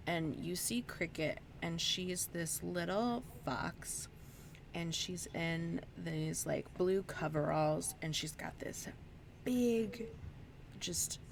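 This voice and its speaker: A fairly low-voiced woman describes her character at a tabletop game, wandering through her thoughts and pausing on frequent ums. A faint hiss sits under the voice. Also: creaky. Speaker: player.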